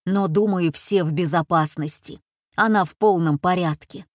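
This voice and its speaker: Van, a woman reading a low hushed urgent man. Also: normal speed, no echo, studio quality, lightly acted. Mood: steady firm. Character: Van, adult man, tense, commanding. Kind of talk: audiobook character voice.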